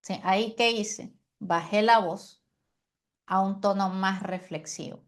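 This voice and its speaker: Woman teaching preaching with deliberate pauses. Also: medium pitch. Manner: animated, uses deliberate pauses and demonstrations; frequent rhetorical "¿sí?" and "amén".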